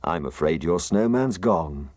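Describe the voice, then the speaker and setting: A man's voice: deep voice, expressive, a little slow, darkish tone, no echo. A man voicing a patient, playful father in a bedtime story. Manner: patient, teasing.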